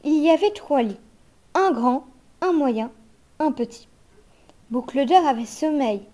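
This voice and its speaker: Gentle woman reading a fairy tale. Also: high-pitched, lively intonation. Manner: gentle, measured storytelling. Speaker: narrator. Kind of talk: reading a children's story aloud.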